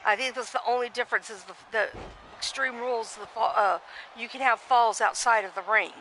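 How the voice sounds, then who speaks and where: A woman commentating a simulated wrestling match in a loose, chatty way. Her voice is bright and sharp. She rambles, restarts her sentences and reads viewer comments aloud. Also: on the high side, brisk, slight background noise, rough recording. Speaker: play-by-play commentator.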